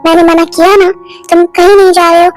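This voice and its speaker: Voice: very high voice, little pitch movement, fairly quick, faint music behind. A voice actor playing a strict, short-tempered young mother scolding her son in an amateur fan dub. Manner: scolding, firm.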